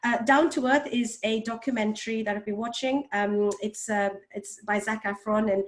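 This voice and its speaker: A woman's voice: a little high, steady tone, moderate pace. A woman speaking on a video call panel in a hesitant way, with many fillers. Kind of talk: panel discussion.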